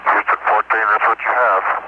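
A man's voice: on the low side, flat delivery, normal speed. A man speaking as an astronaut, terse and matter-of-fact, his distant voice fading in through radio static on an old muffled link. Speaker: astronaut on a spacecraft. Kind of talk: terse radio protocol talk.

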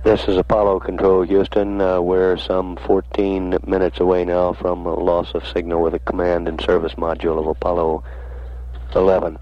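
An American man giving measured, formal status announcements as a spaceflight mission control announcer, on a muffled archival radio feed. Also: low voice, flat delivery.

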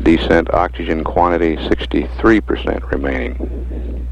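Deep-voiced man over a radio transmission. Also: vocal fry, slight background noise. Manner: measured, with frequent hesitant fillers. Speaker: mission control commentator. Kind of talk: live mission status commentary. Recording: muffled archival radio recording.

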